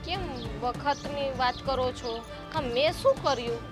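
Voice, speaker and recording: Woman doing a young city bahu, high voice, keeps pleading and explaining, music behind. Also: measured pace. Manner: pleading, defensive, talkative. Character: young city-living daughter-in-law, pleading and chatty. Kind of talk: family drama acting.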